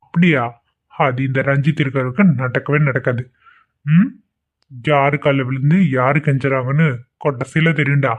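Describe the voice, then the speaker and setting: A man's voice: medium pitch, fairly even intonation, normal speed, close to an everyday voice. A man voicing a blunt, defiant young husband who talks curtly and scornfully in a cartoon. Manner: curt, scornful. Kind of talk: amateur cartoon voice acting. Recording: tinny phone-like lo-fi audio.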